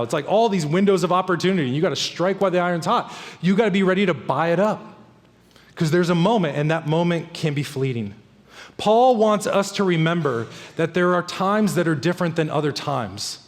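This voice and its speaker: Pastor guy preaching, earnest and emphatic, kinda high voice, big echoey church sound. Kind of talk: sermon. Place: church sanctuary.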